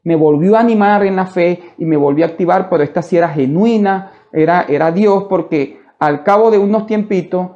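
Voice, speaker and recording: Male preacher, fervent testimony sermon, mellow dark tone, muffled lo-fi church recording. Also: high-pitched, fairly quick, hardly any pauses. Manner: fervent, repeatedly addresses listeners as "hermano".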